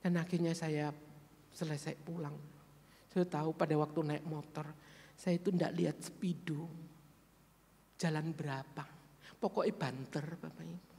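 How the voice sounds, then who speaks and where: A male pastor with an East Javanese accent preaching a sermon, telling a personal story, swinging from hushed to animated. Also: fairly high pitch, normal speed, gravelly, pauses often. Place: church. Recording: echoey church hall.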